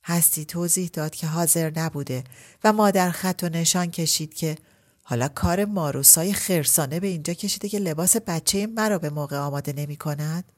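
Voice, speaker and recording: A woman narrating a literary story as an audiobook, reading at a measured pace. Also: deep voice.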